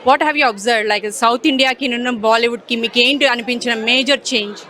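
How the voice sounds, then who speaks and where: Bright, rapid-fire Indian woman hosting. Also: fairly high pitch, a faint crowd. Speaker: red carpet interviewer. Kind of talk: red carpet hosting, switching between Telugu and English.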